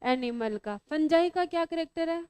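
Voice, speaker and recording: High-voiced teasing biology teacher woman. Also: lively intonation, moderate pace, darkish tone, dry recording. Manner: teasing, scolding, asks students questions. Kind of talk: classroom lecture.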